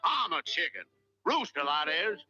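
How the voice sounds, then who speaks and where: A man's voice: a little high, big pitch swings, normal speed, sharp tone, breathy edge, dry recording, highs cut off, soft background music, exaggerated voice. A man voicing a boastful big cartoon rooster in a drawling, sing-song way. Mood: jaunty.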